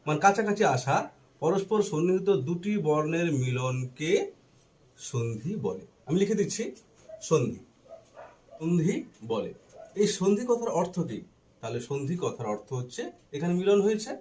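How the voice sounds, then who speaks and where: A man with a Bangladeshi Bengali accent teaches grammar at the board, pausing to write and spelling letters out slowly. He poses questions and answers them himself in a fairly high voice that swings widely up and down. A faint hiss of background noise sits under the recording. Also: a little mellow. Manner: asks and answers his own questions; slow and deliberate while writing, spelling out letters. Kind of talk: blackboard grammar lesson.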